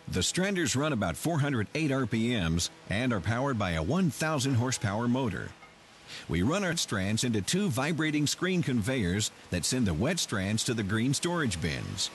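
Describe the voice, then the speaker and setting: A man narrates a scripted plant tour in a measured, explanatory way. His mid-pitched voice moves up and down in a lively way. Faint machinery noise sits behind him.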